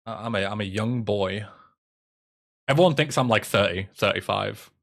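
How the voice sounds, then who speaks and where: A gravelly, slightly bright male voice, pitched on the low side and moving at a normal speed. He's an English streamer and speedrunner in his twenties, chatting casually on a livestream and reading out viewers' messages to answer them.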